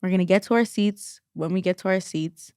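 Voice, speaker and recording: A woman's voice: fairly low pitch, fairly quick, darkish tone, clear, resonant tone, no room sound, studio quality. A woman co-hosting a podcast in casual chat, rambling with lots of "like" fillers and restarts. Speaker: podcast co-host.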